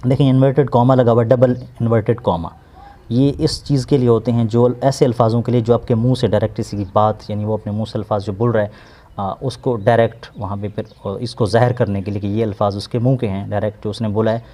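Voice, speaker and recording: Male tutor, mellow tone, methodical word-by-word teaching. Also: fairly low pitch, little pitch movement. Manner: patient, repeats and glosses each word slowly. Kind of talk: explaining an English textbook lesson.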